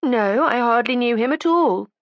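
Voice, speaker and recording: A woman's voice: on the high side, animated, normal speed, dry recording, muffled recording, voice pushed up. A woman reading an audiobook, voicing a resentful, defiant young woman with a sarcastic, combative edge. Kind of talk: audiobook character voice.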